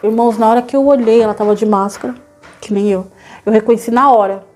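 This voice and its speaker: A woman's voice: fairly high pitch, fairly even intonation, fast, a little mellow. A young woman, earnestly telling her church testimony and addressing the listeners as brothers.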